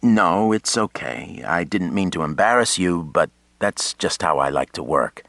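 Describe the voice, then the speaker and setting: A wry, easygoing man of thirty with a very low voice that still moves a lot, teasing and charming, as voiced by an audiobook narrator. Close, dry recording. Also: expressive, unhurried, gravelly, fairly bright tone, no echo, heavily acted. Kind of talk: audiobook character voice.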